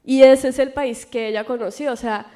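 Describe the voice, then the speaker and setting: A woman's voice: fairly high pitch, steady tone, moderate pace, warm tone. A Colombian woman in her thirties, a guest author answering questions in a university room, thinking aloud with frequent laughs. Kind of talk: conversational Q&A answers.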